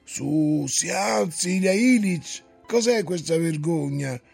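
A man voicing a stubborn, grumbling old manservant who keeps nagging and coaxing his master, in a husky, creaky voice. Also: fairly high pitch, a little slow, a little mellow, faint music behind, heavily acted.

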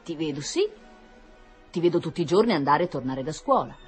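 A woman voicing a kindly, lonely retired old man on a bench, speaking gently and modestly. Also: low-pitched, expressive, brisk, soft background music. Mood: gentle. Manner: gentle, self-deprecating.

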